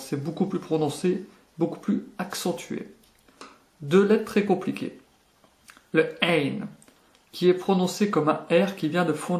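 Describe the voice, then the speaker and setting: A man's voice: on the high side, darkish tone, echoey room. A man teaching a language lesson, carefully pronouncing each letter with exaggerated articulation. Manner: slow, deliberate, exaggerated articulation.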